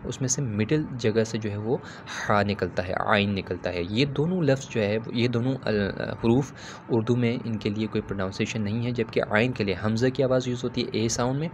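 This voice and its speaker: A man teaching Quran recitation in a patient, step-by-step way, stopping to model Arabic sounds slowly and with stress. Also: medium pitch, slight background noise. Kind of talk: instructional talk on pronunciation.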